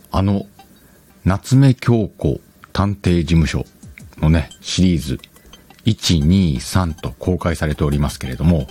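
A man with a low, mellow voice hosts a casual solo talk show on audio. He chats radio-style in short, conversational phrases.

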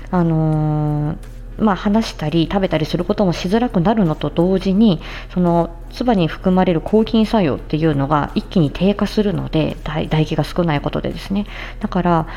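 A woman with a fairly low, warm voice explains a health topic in plain, conversational language, talking to listeners like a podcast host. She is a podcast host and speech-language therapist, and the audio sounds dull.

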